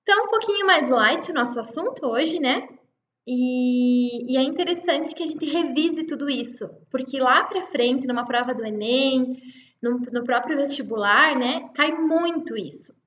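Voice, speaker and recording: A woman's voice: sits high, measured pace, a bit bright, echoey room, dull audio, a little hiss or hum. A woman teacher with a Brazilian Portuguese accent giving an online class, explaining patiently step by step and checking in with her students.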